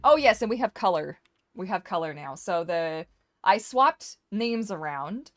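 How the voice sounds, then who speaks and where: A woman hosts a live game stream and community server, chatting casually to viewers as she plays. Her medium-pitched voice is expressive and measured in pace, and she comes across as welcoming, playful and teasing, addressing her audience directly.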